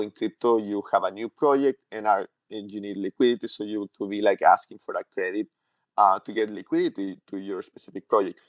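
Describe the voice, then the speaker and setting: A Chilean tech company CTO, appearing as a podcast guest, gives a casual technical explanation in a fairly low voice. His speech is halting and packed with "like" and "uh," and there's no room sound at all.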